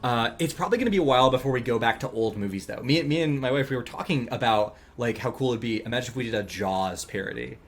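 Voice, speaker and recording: A man chatting casually while drawing on a livestream, relaxed and rambling, thinking aloud with ums and laughs. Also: mid-range voice, fast, few pauses. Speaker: streamer and animator.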